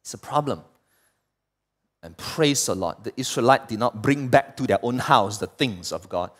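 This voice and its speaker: A man preaching a sermon, swinging between loud outbursts and quiet asides and putting questions to the congregation. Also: medium pitch, lively intonation, moderate pace. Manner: asks the congregation rhetorical questions. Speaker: pastor.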